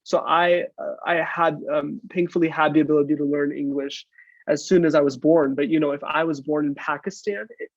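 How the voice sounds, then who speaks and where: A man's voice: on the high side, fairly even intonation, brisk, no echo. Eager man on a dull podcast mic. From United States. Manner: eager, jumps in with comments. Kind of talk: casual podcast chat. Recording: slightly dull lo-fi sound.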